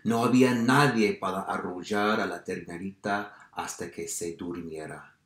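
A man's voice: deep voice, unhurried. A man teaching by reading a picture book aloud to children, telling it expressively, dropping to whispers and asking the listeners questions. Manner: expressive storytelling, drops to whispers and asks questions. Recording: roomy echo.

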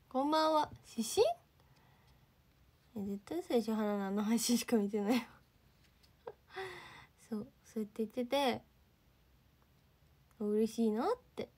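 A teenage girl chats on a livestream, her voice sitting a little high. She has a lilt, keeps thanking viewers, and often slips into hushed, near-whispered asides. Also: slow pace, pauses often, breathy edge. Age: teens. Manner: chatty, reads and thanks viewer comments, drops to near-whispers. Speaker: idol livestreamer. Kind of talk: casual livestream chat.

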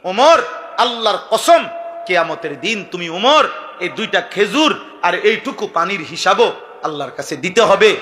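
A man delivers a fiery sermon in a high, bright, forceful voice. He hammers phrases again and again and climbs into shouts. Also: lively intonation, normal speed, slight background noise. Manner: impassioned, repeats phrases, rises to shouts. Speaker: preacher. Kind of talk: fiery sermon at a religious gathering.

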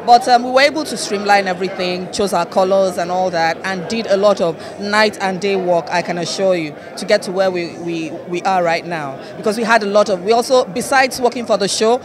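A woman's voice: mid-range voice, fairly even intonation, a little fast, hardly any pauses. A woman fashion designer answering casually in a red carpet interview, held up to a handheld microphone. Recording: busy event crowd behind voice.

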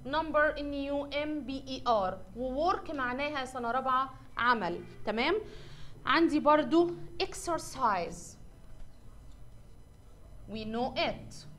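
Woman, Egyptian Arabic accent, high voice, English teacher, mixes Arabic and English, spells words out, faint background noise. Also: unhurried, fairly bright tone. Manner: asks and answers her own questions. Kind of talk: recorded classroom English lesson.

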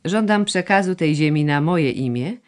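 A woman's voice: low voice, normal speed. A woman reading the lines of a reserved young landowner who answers his mother briefly and without feeling. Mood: curt. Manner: curt, flat and unmoved. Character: terse, cold landowner son, young man. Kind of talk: audiobook dialogue reading.

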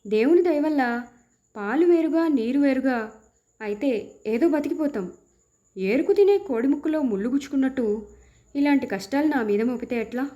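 A woman's voice: sits high, expressive, moderate pace, pauses often, dark tone, pitched above the performer's own voice. A woman voicing a poor young husband in a storybook, who pleads and cries out in anguish. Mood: desperate prayer.

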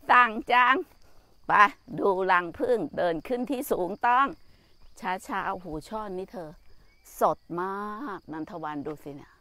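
An older woman, a Buddhist nun, giving a gentle, motherly talk about nature and mindfulness while walking outdoors. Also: medium pitch, lively intonation, unhurried. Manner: gentle, motherly, speaks to listeners as children. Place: outdoors in a garden with trees.

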